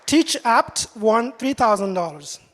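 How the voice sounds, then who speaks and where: A woman reading out a list of award winners in a steady way. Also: a little high, a little slow. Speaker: awards presenter. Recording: hall reverb with crowd noise.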